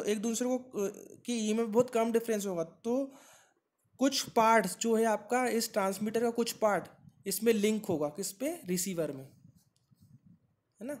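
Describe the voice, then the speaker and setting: A man's voice: sits high, darkish tone. Man giving a step-by-step lecture. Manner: explains step by step, asks and answers own questions; frequent checks like "है ना" and "ठीक है". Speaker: teacher. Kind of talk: exam-prep lecture.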